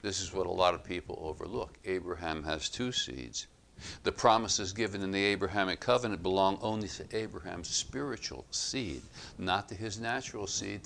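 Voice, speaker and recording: A man giving expository Bible teaching, reading passages aloud and explaining them in a measured, emphatic way. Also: sits low, creaky, fairly bright tone, slight background noise.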